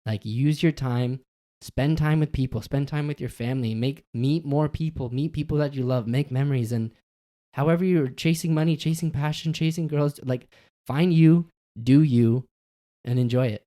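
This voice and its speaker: A laid-back man co-hosting a podcast, chatting casually with lots of slang and filler words. His voice sits at an ordinary pitch with a mellow, darker tone. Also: normal speed. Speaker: podcast co-host. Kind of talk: casual chat.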